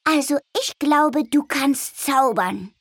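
A woman voicing an excitable little girl in a storybook reading, with a wide-eyed, eager manner. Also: high-pitched, measured pace, no room sound, studio quality, pitched above the performer's own voice. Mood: amazed.

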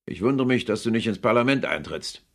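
A man's voice: fairly low pitch, expressive, brisk, vocal fry, a bit bright, pitched above the performer's own voice, full character voice. A man voicing a grumpy old male miser who growls curt, scornful retorts in a storybook reading. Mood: snarling.

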